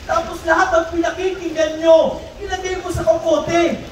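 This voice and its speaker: A man's voice: very high voice, flat delivery, moderate pace. A middle-aged man with a Filipino accent preaching to young people with passion, moving freely between Tagalog and English. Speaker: pastor. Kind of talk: sermon. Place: large hall at a youth camp. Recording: echoey hall from far off, faint hiss.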